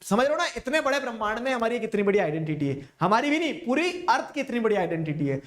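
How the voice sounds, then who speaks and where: A man's voice: very high voice, big pitch swings, fast talker. A man teaching a geography lecture in a casual, chatty way, often stopping to check that listeners follow. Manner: keeps asking listeners if they follow. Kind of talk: explanatory lecture.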